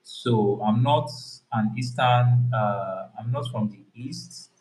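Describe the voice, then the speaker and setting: A man's voice: mid-range voice, slow pace, darkish tone, echoey room, rough recording. A man from Nigeria with a thick Yoruba accent, chatting casually with his partner in a Q&A video. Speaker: co-host of couple channel. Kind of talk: casual couple Q&A chat.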